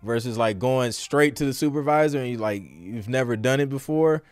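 Speaking briskly at medium pitch with no room sound, a man runs a casual live question-and-answer podcast as a music producer. His talk is slangy, loose and meandering.

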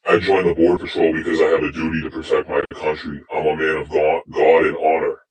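A man's voice: monotone, fairly quick, roomy sound. A man calling into a live stream through an electronic voice disguiser, giving short, grave answers. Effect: electronic voice disguiser, pitched very deep. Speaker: anonymous caller on a live stream. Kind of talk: live call-in interview.

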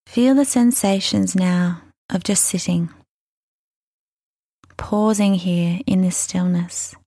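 At a very slow pace, a woman guides a mindfulness meditation with soft, soothing, unhurried instructions and long pauses that give each one room. Her voice is fairly low, with a gravelly fry and breathy phrase endings. The recording is dry and close.

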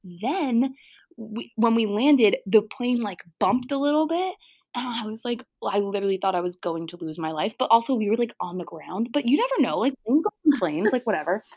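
A young woman co-hosting a podcast, telling a story in a chatty, animated way, full of fillers and acted-out quotes. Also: a little high, fairly quick, breathy edge, no room sound, clean studio sound. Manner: chatty, animated, lots of "like", acts out quoted voices. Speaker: podcast co-host. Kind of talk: casual chat, storytelling.

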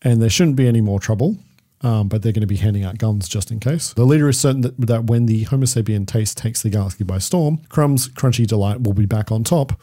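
A man's voice: fairly low pitch, fairly quick, dark tone. A man co-hosting a podcast, recapping a film in casual chat with dry jokes and frequent chuckles. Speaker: podcast co-host. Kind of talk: casual movie-review chat.

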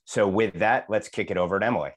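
A man hosting a podcast, giving a brisk, upbeat scripted opening to the episode. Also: lowish voice. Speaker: podcast host. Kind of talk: show introduction.

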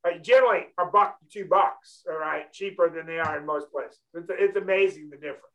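A man's voice: a little high, fairly quick, bright, forceful tone, low-quality recording. A man hosting a financial talk show, blunt and emphatic, often checking in with "okay?". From California. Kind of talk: casual talk show chat.

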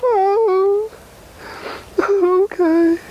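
A man putting on a very high voice for an exhausted, exasperated male leader who keeps begging for rest. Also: fairly even intonation, very slow, darkish tone, dull audio, exaggerated voice. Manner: breathless, pleading and exasperated. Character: exhausted male group leader, frantic and complaining. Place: outdoors.

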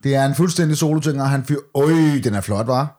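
A man's voice: medium pitch, a little mellow. Casual man chatting about sport. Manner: colloquial, mild swearing. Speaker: podcast co-host. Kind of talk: casual chat, football watch-along commentary.

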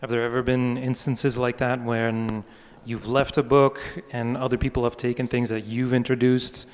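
A man asks an interview question in a steady, level voice with little pitch movement. His voice sits at a middle pitch and carries a long echo from the room. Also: normal speed.

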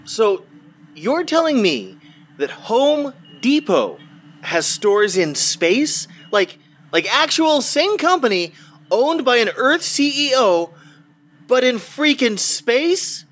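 Casting: actor as a jittery human captive, slow but lively, rambling. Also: medium pitch, full character voice. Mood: incredulous. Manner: anxious, rambling. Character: frazzled human pet captive. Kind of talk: comedy audio drama.

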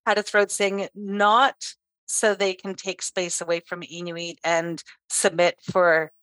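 A middle-aged woman from Canada, a throat singer chatting as a guest in an interview, lively and quick to laugh. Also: fairly low pitch, no echo. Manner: lively storyteller, laughs often. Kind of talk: casual interview chat.

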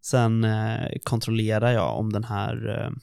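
A man's voice: fairly low pitch, little pitch movement, vocal fry, a little mellow, clear, resonant tone, no room sound, studio quality. A man playing a character in a role-play game, talking in a laid-back, hesitant way full of fillers. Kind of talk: in-character reminiscing chat.

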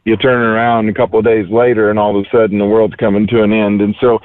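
A man's voice: lowish voice, level tone, fast talker, no echo. A man speaking over the phone as a market analyst guest, rambling in a folksy way with many fillers. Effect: heard over the phone. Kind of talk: casual market commentary. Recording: tinny dry phone line.

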